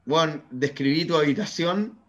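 A man's voice: on the high side, unhurried. A young man with a Chilean Spanish accent, co-hosting a podcast in casual banter, joking, swearing and arguing. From born in Brazil, raised in Chile. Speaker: podcast co-host. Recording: dull lo-fi sound.

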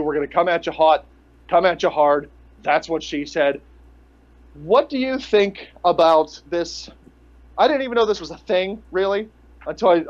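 Higher-voiced man ranting, lo-fi. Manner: rambling, profane, sarcastic. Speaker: podcast co-host. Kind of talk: casual rant about pro wrestling. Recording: dull lo-fi podcast audio.

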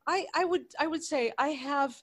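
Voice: high-pitched, normal speed. A podcast co-host in casual chat, curious and talkative, often asking questions. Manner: curious, chatty, asks questions.

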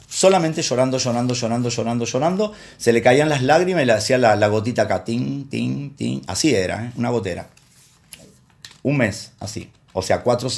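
A man's voice: mid-range voice, vocal fry, darkish tone. A man who preaches like he is chatting. His voice sits in a middle register. He tells stories from his counseling sessions and acts out the voices of the people he quotes. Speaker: pastor and counselor. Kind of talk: sermon with personal anecdotes.

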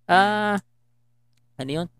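A man's voice: high voice, slow pace, fairly bright tone, clean tone, no echo. A young man co-hosting a casual podcast, teasing his friend and laughing often. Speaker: podcast co-host. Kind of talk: casual Tagalog podcast chat.

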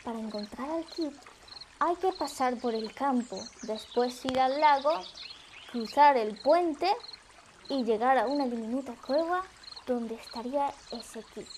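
A woman voicing a tired, wise silver female cat who speaks quietly and seriously. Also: high voice, measured pace, noisy background.

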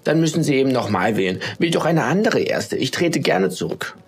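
A man voicing a defiant young snowflake in a storybook tale, shouting and sulky. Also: on the low side, big pitch swings, moderate pace, gravelly, slight background noise.

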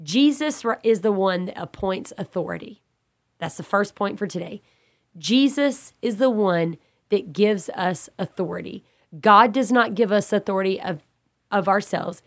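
Leading a Bible study, this Texan woman sounds congested and a bit raspy because of a cold. Her mid-range voice stays earnest and steady as she keeps repeating and rewording her points to build them up.

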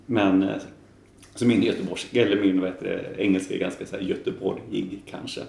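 A man from Gothenburg with a softened Gothenburg accent, chatting and explaining at length as a podcast co-host, with lots of fillers. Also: low voice, fairly even intonation, vocal fry, roomy sound. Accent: Gothenburg Swedish, softened. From Gothenburg, Sweden. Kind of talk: casual chat.

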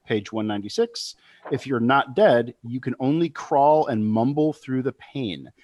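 Mid-pitched man at a tabletop game. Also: lively intonation, unhurried, darkish tone. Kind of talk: casual talk and rules read-out.

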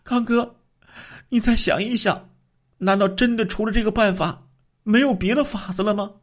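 A man's voice: sits high, moderate pace, pitched above the performer's own voice, lightly acted. A man voicing a frightened young wife, pleading tearfully with her husband. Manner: tearful, begging.

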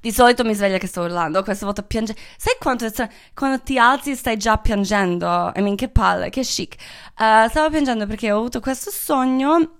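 A woman's voice: fairly high pitch, moderate pace. A woman telling candid personal stories in a casual, profane monologue, often slipping phrases into her Italian. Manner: frank, profane, mixes English into Italian. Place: Los Angeles.

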